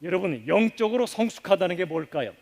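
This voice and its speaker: A man with a high-pitched voice delivers a sermon from the pulpit, his words ringing with the long reverb of a church sanctuary. He questions the congregation and has them repeat after him, punching some words and letting others fall to a near hush. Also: expressive, fairly quick, vocal fry. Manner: emphatic, swings from loud stresses to soft, hushed endings. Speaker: pastor.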